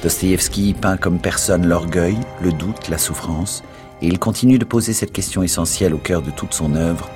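A man presenting a classic novel and reading its narration in a measured, dramatic way. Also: low voice, over music. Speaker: book programme presenter.

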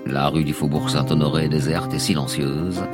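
A man's voice: very deep voice, fairly even intonation, normal speed. A man narrating a scripted radio documentary as a dramatic story, with emphatic phrasing. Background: music.

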